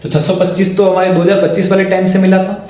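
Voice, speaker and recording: A man's voice: high voice, monotone, fast, warm tone. A man teaching a history lesson for exam prep, who repeats each point, asks himself questions and keeps checking in with the class. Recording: very echoey room.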